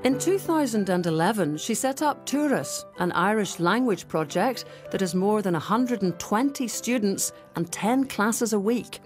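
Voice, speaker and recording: A woman's voice: medium pitch, lively intonation, moderate pace, few pauses, music in the background. A woman with a Belfast accent giving scripted documentary narration as the presenter. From East Belfast.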